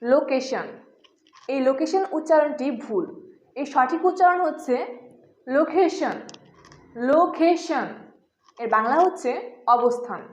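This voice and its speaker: A woman teaching English pronunciation in a scripted lesson, repeating each example word slowly and deliberately. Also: high-pitched, lively intonation. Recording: echoey room, dull lo-fi sound.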